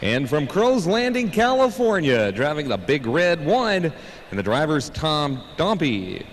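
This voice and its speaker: A man's voice: a little high, sing-song, unhurried. Male tractor pull announcer, echoing arena. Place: large indoor arena. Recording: reverberant arena PA, background noise.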